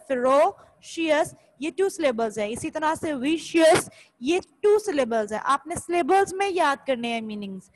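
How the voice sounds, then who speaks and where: Her voice is high, and the recording quality is poor. In a recorded classroom lesson, she teaches patiently step by step, mixing Hindi and English and often checking "theek hai?"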